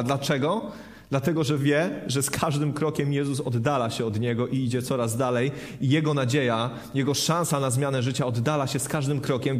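Earnest preacher man, fairly high voice. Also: a little mellow. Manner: earnest, repeats phrases and asks rhetorical questions. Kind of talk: sermon.

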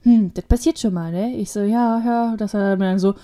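A woman's voice: mid-range voice, brisk. A young woman co-hosting a podcast, telling stories in casual chat and acting out what people said. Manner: animated storytelling, acts out quotes. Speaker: podcast co-host.

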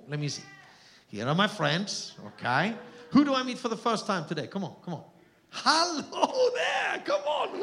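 A middle-aged man with an Austrian German accent and a high, somewhat bright voice preaches a sermon as a guest missionary in a church hall. He jokes with the crowd and calls out to them.

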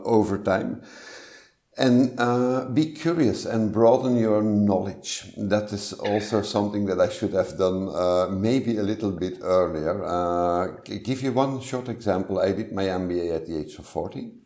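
Middle-aged flemish guy, really deep voice, measured and hesitant, lots of uhs, podcast guest. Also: mellow, echoey room. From Flanders, Belgium. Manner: measured, hesitant with many fillers. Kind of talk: casual interview talk.

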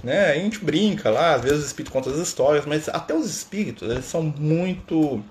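A man's voice: on the high side, lively intonation, fairly quick, slight background noise. A man talking casually to viewers in a spiritual live stream, chatty and playful, tagging sentences with little questions. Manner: chatty, constant "né?" tags, playful asides.

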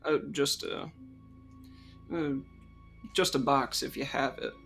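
A man's voice: mid-range voice, steady tone, slow pace, vocal fry, a bit bright, faint music behind. A man playing a tabletop game, speaking hesitantly with many fillers. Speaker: player.

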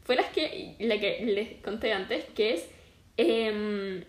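A woman's voice: medium pitch, slow pace, echoey room. A young woman with a Chilean accent telling funny stories in a casual chat, acting out voices as she goes. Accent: Chilean Spanish. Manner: animated, acts out voices while telling stories.

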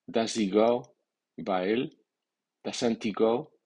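A male English teacher with a fairly low, slightly husky voice. He works through drill sentences very slowly and deliberately, repeating each one clearly. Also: darkish tone. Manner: measured, repeating English example sentences and explaining in Spanish. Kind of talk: slow, deliberate language drill.

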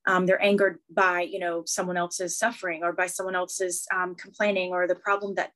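A woman's voice: fairly low pitch, level tone, a little fast. A woman co-hosting a podcast, talking in an earnest, reflective way about something that moved her. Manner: earnest, warm-hearted, reflective. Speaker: podcast co-host.

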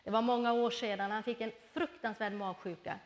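In a hall full of reverb, a middle-aged woman preaches with a fairly high voice. She brings her personal anecdotes to life, animatedly acting out each quoted voice.

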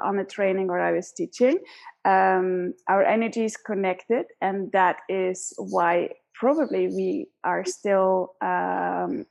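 A woman's voice: mid-range voice, gravelly, a little mellow. A woman hosting a podcast interview over a remote call, talking in an earnest, reflective way. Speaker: podcast host. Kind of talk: casual interview chat.

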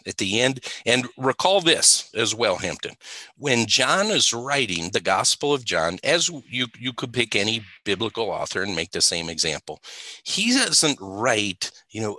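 A man's voice: lowish voice, bright, forceful tone, no echo. A man teaching the Bible in a conversational way, emphatic and stressing points by repeating words.

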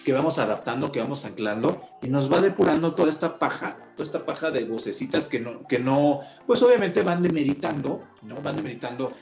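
A man, an announcer and storyteller, explaining as an interview guest in an expressive way. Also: fairly high pitch, creaky. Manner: expressive, acts out examples with drawn-out cadence. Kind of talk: explanatory conversation. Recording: roomy echo.

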